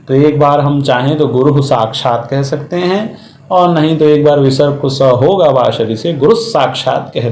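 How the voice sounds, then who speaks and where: A man's voice: mid-range voice, a little mellow, reverberant. A man giving a methodical classroom lecture on Sanskrit grammar, explaining step by step with examples. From India.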